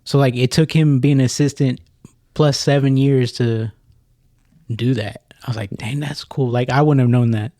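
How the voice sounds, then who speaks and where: A young man from the United States co-hosting a casual podcast chat, relaxed, laughing and swearing, full of fillers. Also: mid-range voice, normal speed, no room sound, clean studio sound. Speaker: podcast co-host.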